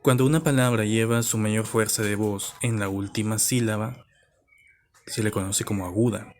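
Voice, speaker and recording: A man explains a lesson in a low, steady voice. He goes step by step and often stops to ask if his listeners are following. Birds and a rooster are clearly heard in the background. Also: normal speed, a little hiss or hum. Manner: patient, checks in with "¿ok?" and "¿ya?". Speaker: teacher.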